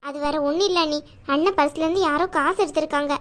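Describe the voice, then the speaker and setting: A woman's voice: high voice, fairly even intonation, fast, a bit bright. A woman voicing a worried middle-aged mother in a cartoon, fretting and questioning her children. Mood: fretful. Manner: fretful, questioning. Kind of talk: animated cartoon voice acting.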